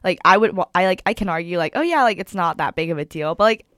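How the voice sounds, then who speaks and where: A woman's voice: fairly low pitch, fast talker, fairly bright tone, no room sound, clean studio sound. A young woman in her twenties co-hosting a college radio show, chatting casually about music with many fillers and frequent laughs. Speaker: radio co-host.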